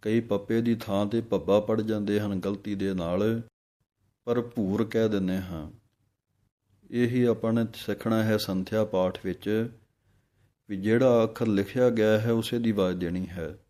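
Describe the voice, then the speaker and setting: A man leads a careful scripture recitation lesson in a low, mellow voice. He chants each line slowly and then spells out the letters and vowel marks. His delivery stays even and unhurried throughout. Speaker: Gurbani pronunciation teacher. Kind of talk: santhya lesson, slow chanted recitation with explanations.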